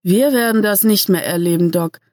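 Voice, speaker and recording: A woman's voice: medium pitch, normal speed, darkish tone, dry recording, clean studio sound, natural voice. A woman doing a cool, gloomy young biker. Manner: laid-back, brooding.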